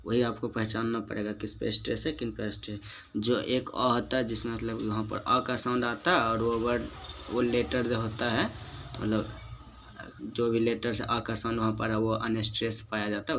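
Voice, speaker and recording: A man's voice: on the low side, monotone, normal speed, fairly bright tone, a little hiss or hum. A man with a Hindi accent teaching English phonetics, repeating example words and checking in with his students. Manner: repeats each example word and checks in with "ठीक ना". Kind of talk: whiteboard lesson explaining rules.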